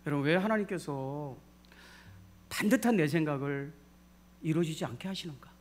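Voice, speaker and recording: A man preaching from the pulpit of a church, with a slightly higher voice than most men. He is animated, acting out the voices he quotes and calling on the congregation to join in responses. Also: moderate pace. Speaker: pastor. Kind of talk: sermon. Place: church sanctuary.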